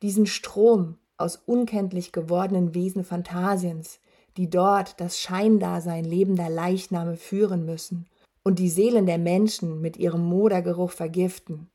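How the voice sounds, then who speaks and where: A huge, dying male werewolf taunts with gloating menace, voiced by a woman with a fairly low, warm pitch, fairly even intonation and an unhurried pace. His voice rattles and rasps, and his breath wheezes and labors.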